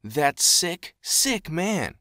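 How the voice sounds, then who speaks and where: A young man narrating a scripted animated story and voicing the people he quotes. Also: a little high, very slow, dry recording, studio quality.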